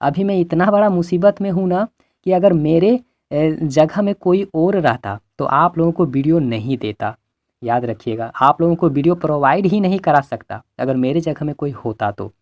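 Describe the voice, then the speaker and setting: A man's voice: on the high side, expressive, moderate pace, no echo, lo-fi sound. A male teacher walking students through exam questions in an earnest, repetitive way, with a Hindi-belt Indian accent. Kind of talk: exam-prep lesson.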